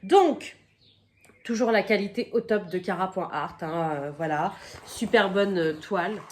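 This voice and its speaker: A woman chatting casually through an unboxing, her voice a little croaky from a cold, filling pauses with "donc" and "euh" and stopping now and then to cough. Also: medium pitch, a little hiss or hum. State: has a cold, slightly croaky voice. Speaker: crafting vlogger.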